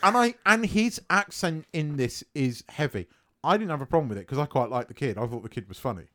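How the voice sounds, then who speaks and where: Animated man chatting and laughing. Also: on the high side, brisk. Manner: animated, laughs often, swears freely. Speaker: podcast co-host. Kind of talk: casual film chat.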